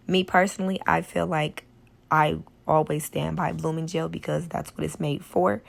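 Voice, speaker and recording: A woman hoarse from a cold, with a smoker's rasp, giving a casual tutorial voice-over as a nail tech. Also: low-pitched. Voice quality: smoker's rasp, gravelly, voice cracking. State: hoarse from a cold and sore throat. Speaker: nail tech doing a product test tutorial.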